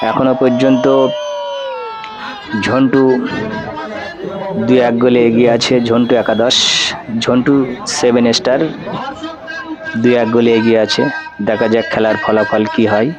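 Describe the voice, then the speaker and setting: A man's voice: mid-range voice, little pitch movement, measured pace, pauses often, over music. A man giving live football commentary, repeating phrases for emphasis. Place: outdoors at a local football ground. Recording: outdoor field with crowd noise. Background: spectator crowd.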